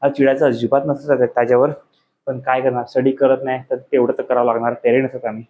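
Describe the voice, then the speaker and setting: A man's voice: mid-range voice, level tone, quick pace, muffled recording. A man in his thirties, a father talking casually to his vlog camera at home at night. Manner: coaxing, soothing talk to a child. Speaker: vlogger, father.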